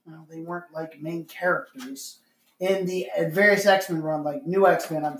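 A woman in casual, animated anime chat, swearing freely and arguing her opinions. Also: sits low, normal speed. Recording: echoey room, mic at a distance.

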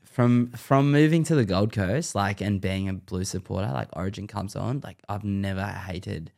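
A man with an Australian accent, a podcast guest chatting in a relaxed, agreeable way. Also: lowish voice, moderate pace, vocal fry. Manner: relaxed, agreeable, says bro a lot. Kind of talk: casual chat.

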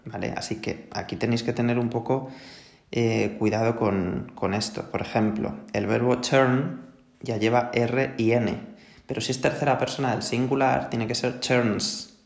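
Spanish teacher with a gravelly voice. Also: male voice, medium pitch, little pitch movement, moderate pace, reverberant. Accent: Spain Spanish. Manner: patient, explanatory, checks in with frequent "¿vale?". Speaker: English teacher. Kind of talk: recorded classroom lesson.

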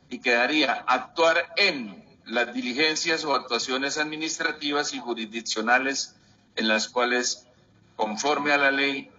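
A man's voice: medium pitch, dull audio. Colombian man rattling off article numbers. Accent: Colombian Spanish. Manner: rapid monotone listing of article numbers. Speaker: congressional committee secretary. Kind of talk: formal reading of legislative motions.

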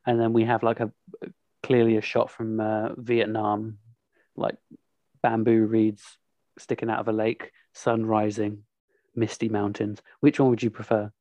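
A man's voice: lowish voice, completely flat delivery, unhurried, dark tone, no room sound, muffled recording. Rambling young man, dry close sound. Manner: chatty, rambling with many ums. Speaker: podcast host. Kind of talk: casual chat.

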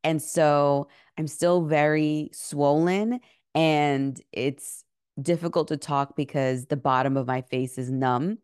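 A woman's voice: sits low, steady tone, slow pace, a little mellow, clear, resonant tone, no room sound, studio quality. A woman relationship coach delivering a scripted introduction as host of her podcast.

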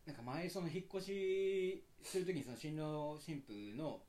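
A man on a casual podcast, telling a long story with animated delivery and acted-out quotes. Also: fairly high pitch, measured pace. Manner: animated storyteller, acts out quoted lines, laughs often. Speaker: podcast co-host.

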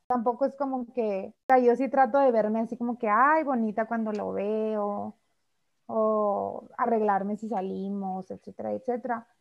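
High-voiced Mexican woman chatting casually. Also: gravelly. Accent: Mexican Spanish. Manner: chatty, frequent fillers, mimics quoted speech. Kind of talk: casual chat. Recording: slightly dull lo-fi audio.

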